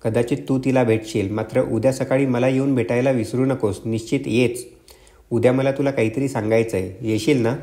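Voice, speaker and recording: Audiobook old dad, nervy and begging, sly, man doing it mid pitch. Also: fairly even intonation, fairly quick, dark tone, natural voice. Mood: urgent. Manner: pleading, repetitive. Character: old father, fearful, wheedling, sly.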